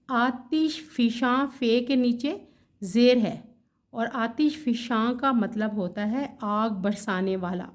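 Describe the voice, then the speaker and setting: A woman teaching correct word pronunciation in a vlog lesson, spelling out each word slowly and carefully, correcting herself with casual asides. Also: fairly high pitch, darkish tone. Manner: slow, careful spelling out of words letter by letter. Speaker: Urdu language teacher.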